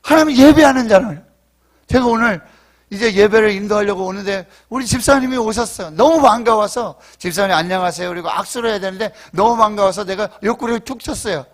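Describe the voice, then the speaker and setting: A middle-aged male pastor delivers a Sunday sermon in a church sanctuary. His voice sits high for a man, and he swings between soft, conversational asides and loud, emphatic preaching. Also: quick pace.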